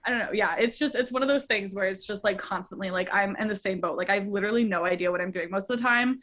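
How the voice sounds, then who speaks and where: Young woman guest rambling on fast, stop-start, mid voice. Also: medium pitch, a bit bright. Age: 20s. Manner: rambling, halting talk. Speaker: podcast guest. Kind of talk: casual chat.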